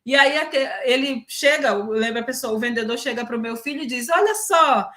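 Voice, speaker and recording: A university lecturer with a Brazilian Portuguese accent speaks a little fast in a high, bright-toned voice. Her academic talk shifts between careful lecturing and lively storytelling with personal anecdotes, and she constantly checks in with listeners by saying "né".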